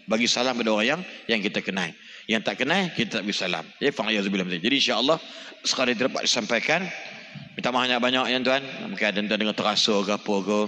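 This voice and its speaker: A middle-aged man with a Malaysian accent, giving a lively mosque sermon and questioning the audience as he tells stories. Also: mid-range voice. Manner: lively storytelling, animated exclamations, asks the audience questions. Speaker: preacher. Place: mosque hall. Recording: long reverb of a large hall.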